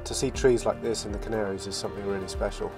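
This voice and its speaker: A man narrating his sailing vlog in a relaxed, reflective voice-over, often restarting his phrases. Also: on the low side, quick pace. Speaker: sailing vlogger. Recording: voice-over with loud music behind.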